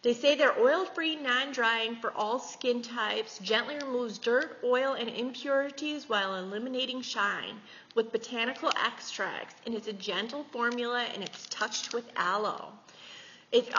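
A woman's voice: a little high, bright, forceful tone. A woman, chatting and giggling as she gushes over gifts in a vlog. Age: 40s. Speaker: beauty vlogger. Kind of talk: casual chat showing gifts. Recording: echoey, slightly dull with faint hiss.

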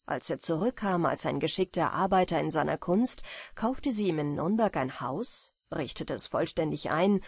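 A woman reading a fairy tale aloud as an audiobook narrator, in a calm, steady bedtime style. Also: lowish voice, husky, no room sound. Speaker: audiobook reader.

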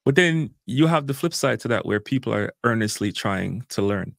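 A man's voice: fairly low pitch, creaky, no room sound, clean studio sound. A Jamaican man with a Jamaican accent, earnestly explaining in a casual interview. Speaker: guest language educator.

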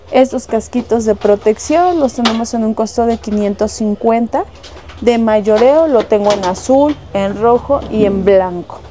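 A woman's voice: medium pitch, warm tone, a little hiss or hum. A Mexican woman working in a shop, showing goods and listing wholesale prices in a casual way, with lots of little diminutives. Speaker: shop saleswoman. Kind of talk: casual product showcase. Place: shop indoors.

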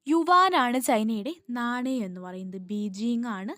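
A woman's voice: a little high, animated, measured pace, fairly bright tone, no echo. Woman drilling exam facts. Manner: repetitive, drills facts, asks and answers her own questions. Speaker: exam coaching teacher. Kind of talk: exam-prep lesson.

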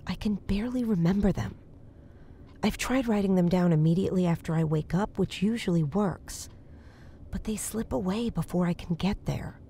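Speaking in a natural, mellow mid-range voice with a little hiss or hum in the background, an actress plays a woman psychic in a horror audio drama. The character is earnest and uneasy, and she halts and hesitates in a naturalistic way.

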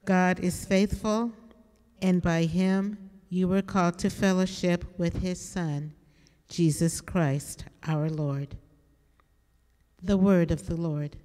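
A woman's voice: on the low side, fairly even intonation, takes it slowly, warm tone. An older woman reading scripture solemnly as a lector at a church lectern, with echoing reverb. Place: inside a church. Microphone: lectern microphone.

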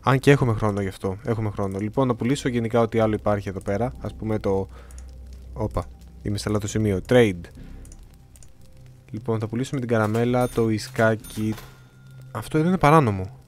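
A young man giving casual gameplay commentary, chatty and often reading the game's dialogue aloud in changing voices. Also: lowish voice. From Greece. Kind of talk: casual let's-play commentary.

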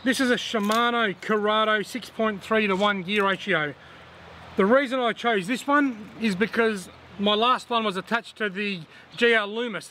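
High, bright-voiced Australian man outdoors. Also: slight background noise. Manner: relaxed, chatty, plain-spoken. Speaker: fishing vlogger. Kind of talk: casual to-camera gear talk. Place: outdoors on a riverbank. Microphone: camera on a tripod at chest framing.

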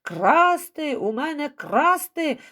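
Storybook bully shopkeeper, loud and threatening, played by a woman, high and forceful. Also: very animated, unhurried. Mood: angry. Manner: shouting, threatening. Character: angry young shopkeeper man, bullying.

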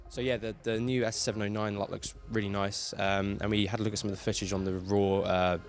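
A man's voice: on the low side, level tone, fast. A man interviewing a guest, upbeat and enthusiastic in his questions and thanks.

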